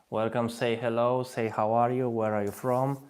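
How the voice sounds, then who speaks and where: A Polish-accented man in his thirties hosts a language-learning live stream, repeating phrases and urging viewers to comment in a webinar style. His mid-range voice is darkish and clean.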